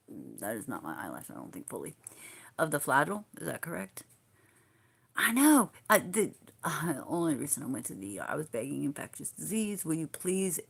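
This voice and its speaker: A woman's voice: deep voice, fairly bright tone. A woman chatting casually on a livestream, rambling and swearing freely as she talks to her viewers and answers their comments.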